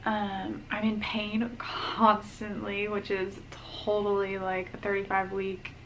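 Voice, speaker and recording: A woman's voice: mid-range voice, monotone, takes it slowly. A young woman talks straight to camera in a loose, rambling vlog update, leaning on ums and likes as she goes. She sounds a little out of breath, and a faint hiss of background noise sits under her voice. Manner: chatty, many ums and likes. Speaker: vlogger. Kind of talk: casual pregnancy update vlog.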